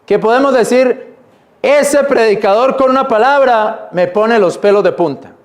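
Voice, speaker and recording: A man preaching a sermon in church, reading scripture slowly and explaining it in plain, repetitive words. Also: very high voice. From Colombia. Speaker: pastor.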